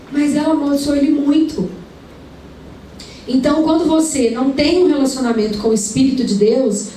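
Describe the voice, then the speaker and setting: High-voiced woman preaching in an echoey hall. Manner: conversational, rhetorical questions, lively retelling. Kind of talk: sermon with storytelling. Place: large indoor event hall. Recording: echoey hall, mic far away, faint room noise.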